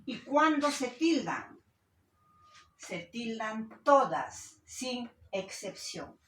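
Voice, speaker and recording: A woman's voice: a little high, big pitch swings, very slow, fairly bright tone. A woman teacher giving a grammar lesson, stressing syllables and putting questions to her students. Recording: roomy, from a distance, faint noise.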